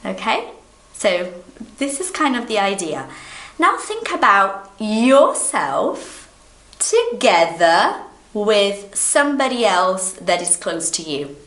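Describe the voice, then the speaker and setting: A woman's voice: mid-range voice, very animated, slow pace, a bit bright. A woman in her thirties from Brazil, a native Portuguese speaker, giving an online English lesson in a patient, encouraging way, talking straight to the viewer. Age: 30s. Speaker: English teacher. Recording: echoey room.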